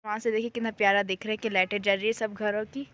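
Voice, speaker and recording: A woman's voice: mid-range voice, flat delivery, fast, a bit bright, dull audio. A young woman vlogging casually from a windy rooftop at night. She chats on while shivering, and her throat is sore. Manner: chatty, talks while shivering in the cold. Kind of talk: casual vlog chat.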